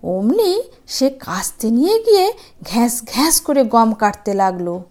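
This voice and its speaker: A woman's voice: a little high, warm tone. A woman hosting and narrating stories for young children, speaking to them in a sweet, sing-song manner. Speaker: children's story channel host and narrator.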